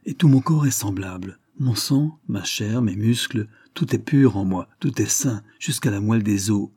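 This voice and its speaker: A simple, proud young fighter speaks earnestly of his strength, read by a man. The voice sits low and mellow with some huskiness, close and dry on the mic. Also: normal speed, husky, no room sound.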